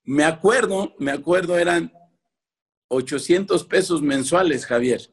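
A man's voice: a little high, measured pace, breathy edge. A man with a Mexican accent, a former footballer, tells stories from his youth in a casual interview. He rambles with many restarts and acts out his parents' voices. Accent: Mexican Spanish.

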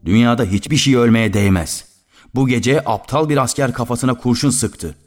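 A man reading a stern army major who lectures his assembled soldiers with a rebuke, over soft guitar music. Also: medium pitch, moderate pace, close to an everyday voice.

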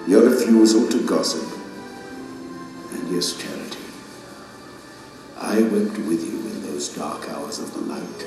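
A man playing a majestic, benevolent king in an audio drama, speaking in solemn, measured, regal pronouncements. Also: low-pitched. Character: majestic benevolent king judging his subjects. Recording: cavernous echoing hall, music behind.

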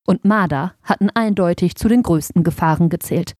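A woman narrating a children's audiobook in a gentle, expressive storytelling manner. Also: lowish voice, normal speed, dry recording, clean studio sound.

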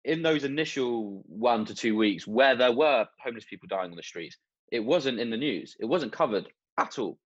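A man's voice: mid-range voice, animated, normal speed, slightly rough. A man interviewing a guest, asking conversational, leading questions. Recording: dull lo-fi sound.

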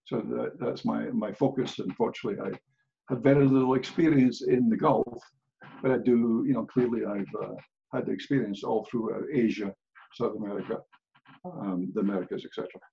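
Gravelly older Scottish man, blunt. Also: mid-range voice, fairly quick, warm tone, lo-fi sound. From Scotland. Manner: blunt, plain-spoken, dry self-mocking humor. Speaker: guest speaker, HR consultant. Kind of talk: casual podcast interview.

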